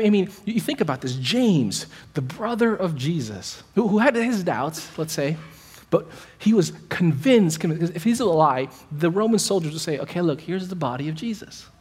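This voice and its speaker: Husky, animated male preacher. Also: sits high. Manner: animated, repeats words as he restarts phrases. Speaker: pastor. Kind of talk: sermon.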